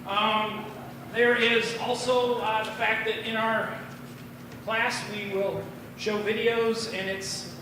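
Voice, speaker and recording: A middle-aged amateur comic from Minnesota, in his 40s or older, does a stand-up set at a bar's open mic with a high, level-toned voice. He rambles and halts, wandering off on tangents. The recording is distant and very echoey, with clear background noise.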